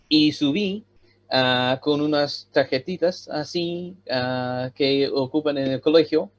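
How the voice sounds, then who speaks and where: American-accented man preaching, lo-fi sound. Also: mid-range voice. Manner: pauses with many "ah" fillers, calm teaching tone. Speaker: pastor. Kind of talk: sermon. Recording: dull lo-fi sound.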